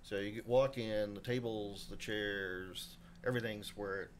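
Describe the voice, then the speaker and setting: Measured and fairly low-pitched, a man in his fifties shares his story as a chef guest on a podcast, recorded live with a bit of hiss or hum. His interview storytelling is casual and rambling, broken by self-interruptions and lively quoting of others.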